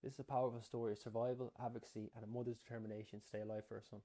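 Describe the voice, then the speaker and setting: A man's voice: on the low side, little pitch movement, racing, mellow. A man hosting a podcast, introducing the episode and his guest. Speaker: podcast host.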